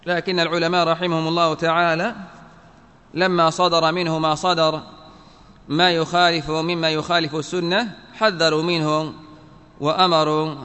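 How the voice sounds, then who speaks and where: A man's voice: a little high, little pitch movement, moderate pace, pushed and bright, clear, resonant tone. A man giving a religious lesson, reading a classical text and carefully spelling out how each word is vowelled. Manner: spells out word vowels carefully, reads quotes then explains. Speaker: Islamic teacher. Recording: long hall reverb.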